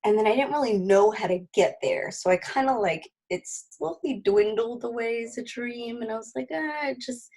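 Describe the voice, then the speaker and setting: A woman's voice: fairly high pitch, normal speed, few pauses, darkish tone. A woman in her twenties chatting casually in a group introduction, with a speech impediment that makes her say w for r and a chatty, like-peppered way of talking. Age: 20s. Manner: chatty, frequent "like". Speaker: physical therapy student.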